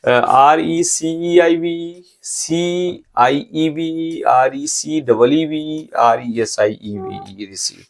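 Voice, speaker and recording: A man teaching English spelling, slowly spelling out words letter by letter and checking in with his students. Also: a little high. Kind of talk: spelling lecture in Hindi mixed with English.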